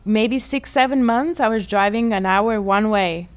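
A Bulgarian woman in her thirties, a lash technician, is the guest in a casual interview, telling her story chattily and laughing often. She frequently acts out what people said, speaking at medium pitch and a little slowly.

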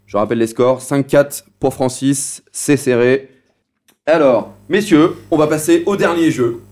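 Un homme qui anime un jeu radio, lisant les énigmes avec emphase théâtrale. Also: male voice, medium pitch, a little mellow. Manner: theatrical, drawn-out riddle reading. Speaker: game show host. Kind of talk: radio quiz hosting.

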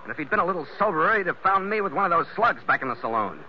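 An actor playing a tough, terse ship's skipper in a hard-boiled 1940s radio style. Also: male voice, high voice, sing-song, racing. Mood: urgent. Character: tough, weary, decisive male ship's skipper. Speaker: lead actor and narrator. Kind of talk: 1940s radio acting with first-person narration. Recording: muffled, very noisy old radio recording.

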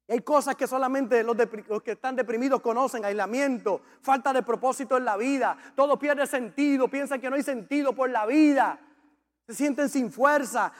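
A male pastor preaches a sermon in a very high-pitched, fairly bright voice, impassioned and repetitive as he urges the congregation on. The recording carries the long reverb of a large hall.

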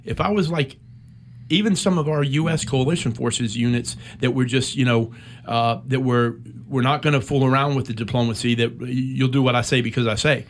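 In this interview, a veteran from the United States, a man in middle age, shares a story from his own time at war. He speaks at a medium pitch, slowly and thoughtfully, often pausing.

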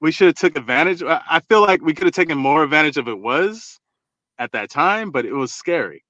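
A man's voice: a little high, lively intonation, brisk, pushed and bright, no echo, lo-fi sound. A male caller on a call-in show, enthusiastic and slangy, turning preachy at times. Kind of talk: casual call-in chat.

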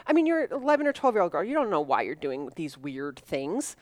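A woman chatting casually on a podcast about a story, often acting out quoted lines in lively voices. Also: fairly low pitch, brisk, dry recording. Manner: animated, acts out quoted dialogue. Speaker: podcast co-host. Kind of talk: casual book discussion.

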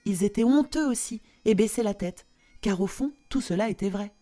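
A woman reads a fairy tale aloud, with slow, expressive storybook narration. Her pitch sits in a middle range for a woman. Faint music plays behind her.

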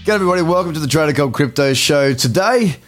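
A man's voice: fairly high pitch, expressive, quick pace, music in the background. An Australian man hosting a podcast with an enthusiastic, matey, informal manner. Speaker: podcast host. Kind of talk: upbeat casual interview chat.

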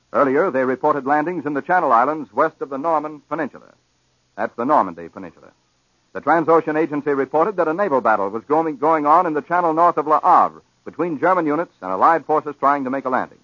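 A man reading the news as a network announcer in a measured, formal style, heard as an old 1940s radio broadcast. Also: fairly high pitch, a bit bright, dry recording. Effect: old 1940s radio broadcast, archival newsreel sound. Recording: dull lo-fi 1940s radio recording, dry.

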